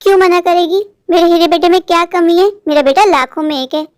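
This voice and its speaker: In cartoon voice acting, a woman plays a fussing, affectionate mother bird who dotes on her son and fears loneliness. Her voice is very high and fairly quick, recorded dry and close with no room sound.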